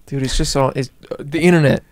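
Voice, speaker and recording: A man's voice: medium pitch, fairly even intonation, quick pace, over a noisy crowd. A man on a podcast, chatting casually in a matter-of-fact way and reading things out from online searches. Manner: matter-of-fact, reads search results aloud. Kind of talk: casual chat.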